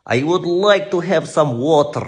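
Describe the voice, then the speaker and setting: A man putting on a loud, exaggerated Russian accent, speaking English in a mock-polite way. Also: on the high side, animated, a little slow.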